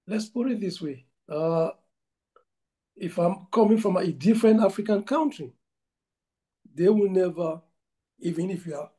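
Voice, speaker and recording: Hesitant Cameroonian coach, bright forceful voice. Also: male voice, sits high, rough recording. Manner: hesitant, many fillers and restarts. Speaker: football coach. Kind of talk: video call interview. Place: indoor room at home. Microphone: video call laptop mic.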